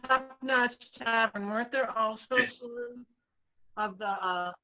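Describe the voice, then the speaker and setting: Woman, audience question, video call breaking up, choppy dropouts, slow halting speech, muffled lo-fi sound. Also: a little high. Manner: hesitant, halting. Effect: online call audio breaking up and dropping out. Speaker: audience member asking a question. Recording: dull choppy call audio, guitar music behind.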